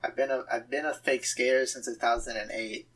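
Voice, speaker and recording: Young man, husky voice, giggly, casual chat while drawing. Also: mid-range voice, steady tone, fairly bright tone, poor audio. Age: 20s. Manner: giggly, joking, quick to laugh. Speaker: guest artist.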